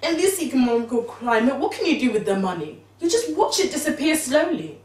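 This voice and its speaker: An actress playing a young married, pregnant woman, animatedly recounting events to her mother, at times exclaiming and at times hushed. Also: high voice, sing-song, brisk. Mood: worried. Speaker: daughter confiding in her mother. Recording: distant, roomy sound with faint background noise.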